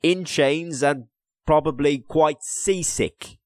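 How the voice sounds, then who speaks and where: A patient royal counsellor, as a male audiobook narrator puts him on, speaking in an even, reasonable way, a little louder than the narration. The voice is recorded dry and close. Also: a little high, no room sound, pitched above the performer's own voice. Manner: measured, reasonable. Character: calm, reasonable middle-aged counsellor, man.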